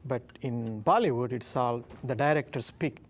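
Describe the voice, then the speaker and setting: Man, Indian English accent, Telugu native, talk-show host, halting, casual. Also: mid-range voice. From Andhra Pradesh, India. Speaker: interview host. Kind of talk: casual interview.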